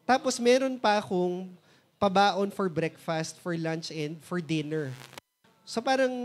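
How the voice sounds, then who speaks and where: A man in his thirties from the Philippines with a Filipino accent. He is a mentor telling his own success story, switching between Tagalog and English and acting out remembered conversations. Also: high voice. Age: 30s. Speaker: mentor and motivational speaker. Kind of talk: personal success story talk.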